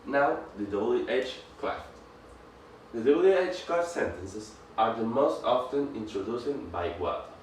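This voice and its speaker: A man presenting a grammar lesson, speaking haltingly, restarting phrases and reading example sentences aloud. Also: medium pitch, expressive, recorded from a distance. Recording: echoey room, off-mic, faint background noise.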